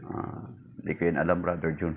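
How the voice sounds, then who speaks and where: Gravelly Filipino preacher, muffled sound. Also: male voice, level tone, normal speed, background noise. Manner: mixes Tagalog and English, addresses listeners as brothers; acts out voices in the story with a raised pitch. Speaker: priest. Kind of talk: homily with a told joke.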